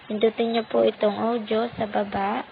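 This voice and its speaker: Hosting a tutorial channel, this Filipino-accented woman talks at normal speed in a fairly high, flat voice with some vocal fry. Politely and patiently, she explains a phone app one step at a time, using "po" often as a courtesy marker. Faint noise sits under tinny, phone-like sound.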